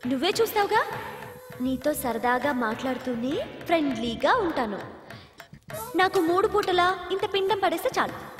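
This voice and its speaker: Greedy female ghost, cheeky and bossy, high voice, long hall reverb, soft music behind. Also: sing-song, moderate pace, long pauses. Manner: cheeky and bossy, reels off food orders. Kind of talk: film comedy dialogue. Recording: film audio with reverb and music.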